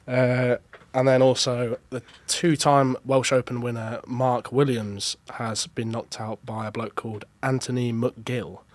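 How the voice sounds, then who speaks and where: A man's voice: mid-range voice, flat delivery, unhurried, hardly any pauses, no echo. Young man telling a story on a podcast. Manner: chatty, self-amused storyteller. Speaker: podcast co-host. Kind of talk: casual podcast chat, storytelling.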